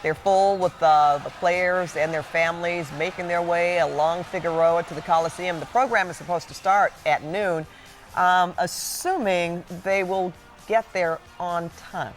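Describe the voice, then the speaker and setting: A woman's voice: on the low side, steady tone, unhurried, faint music behind. A woman co-anchoring live parade commentary in a conversational, bantering way.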